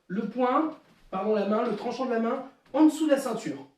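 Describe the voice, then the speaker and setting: A man teaching a live online karate class, explaining moves and counting them out with sharp shouted cues. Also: very high-pitched, moderate pace, recorded from a distance. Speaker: karate instructor. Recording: echoey room, voice away from mic.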